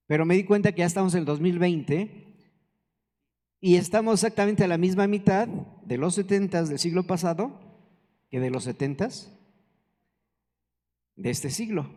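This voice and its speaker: A pastor with a high-pitched, slightly mellow voice preaches a conversational sermon in a church hall, asking the congregation questions. The recording carries the hall's reverberation.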